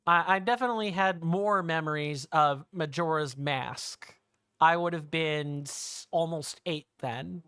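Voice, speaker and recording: Bright-voiced streamer in their thirties. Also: medium pitch, a little slow, smooth, dry recording, studio quality. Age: 30s. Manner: rambling, self-correcting, musing aloud. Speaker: streamer playing a video game. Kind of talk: casual let's-play chat.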